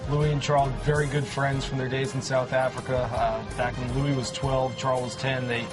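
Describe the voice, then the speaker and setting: A man working as a golf commentator and analyst, chatting casually over tournament highlights. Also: little pitch movement, normal speed. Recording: music bed behind the voice.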